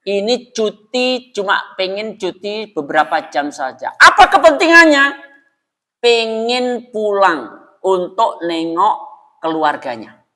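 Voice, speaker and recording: A man's voice: high voice, very animated, slow pace, pushed and bright, big-room sound. A man preaching in a prayer room, talking conversationally, asking the congregation questions and laughing often. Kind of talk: mosque sermon.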